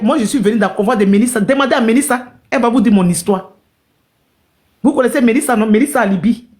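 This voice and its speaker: A woman's voice: medium pitch, darkish tone. A woman on a live stream telling her own hard story to her viewers, emotional and repetitive, calling out to people in the chat.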